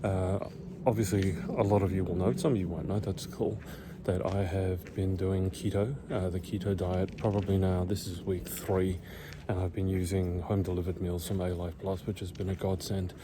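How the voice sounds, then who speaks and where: Here a middle-aged vlogger, whispering and breathless, heads uphill outdoors in a quiet neighborhood while chatting casually to the camera. His low voice keeps a level tone at a moderate pace. Background noise is present.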